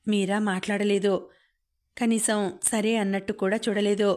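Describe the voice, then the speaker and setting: Woman, audiobook narrator, steady monotone delivery, mid-pitched, calm storytelling. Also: moderate pace. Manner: calm, even storytelling, quoting characters without acting them. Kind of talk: scripted novel narration.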